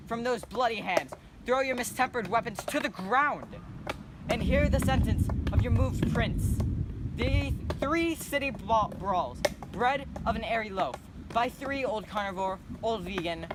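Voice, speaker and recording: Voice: mid-range voice, close to an everyday voice. An amateur performer playing a stern, angry prince who orders brawlers about in a Shakespeare parody. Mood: commanding anger. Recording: clearly noisy amateur recording with clicks.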